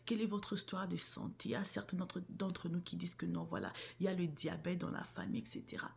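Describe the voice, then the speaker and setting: Earnest woman sharing faith, gravelly edge. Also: fairly low pitch, steady tone, quick pace, slight background noise. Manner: earnest, addresses listener as sister or bro; often drops to a whisper. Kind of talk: casual faith talk to viewers.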